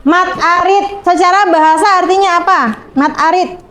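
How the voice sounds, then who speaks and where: A young woman teaching a class, speaking slowly and patiently and checking often that the students follow. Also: extremely high pitch, steady tone, fairly bright tone. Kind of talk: classroom lesson.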